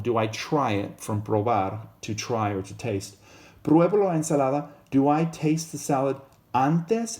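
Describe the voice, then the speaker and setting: A man explaining Spanish grammar in a casual lesson, modelling each Spanish phrase slowly and more loudly than his English. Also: medium pitch. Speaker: Spanish teacher.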